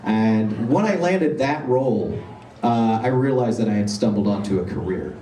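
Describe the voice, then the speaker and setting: A man answering fan questions at a convention panel, telling animated anecdotes and acting out the voices of people in his stories. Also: lowish voice, normal speed, slight background noise. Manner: animated anecdotal storytelling, acts out quoted voices. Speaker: convention panel guest voice actor. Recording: roomy hall, recorded from far off.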